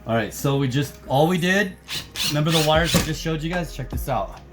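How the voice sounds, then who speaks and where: A man's voice: on the high side, expressive, a little fast, loud music behind the voice. A man hosting a casual DIY tutorial, chatty and jokey as he explains each step. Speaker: host mechanic.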